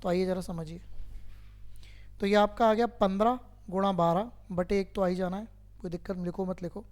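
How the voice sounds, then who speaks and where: A man's voice: sits high, fairly even intonation, moderate pace, a little mellow. A man teaching a math lesson to a class, who keeps quizzing his students and patiently repeats each step.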